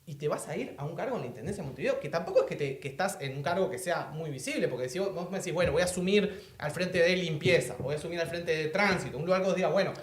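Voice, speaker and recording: A Uruguayan man talking politics at a fast clip, his pitch rising and falling widely. He keeps restarting phrases and dropping in fillers as he goes. The recording has a noticeable room echo. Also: lively intonation. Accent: Uruguayan Spanish. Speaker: podcast host. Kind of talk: casual political chat.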